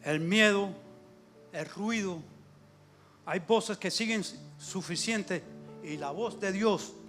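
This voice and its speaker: Guy preaching in church, high voice, fired up, soft music behind him. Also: slow pace. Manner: fervent preaching with frequent amen and hallelujah. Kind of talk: sermon. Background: soft instrumental music.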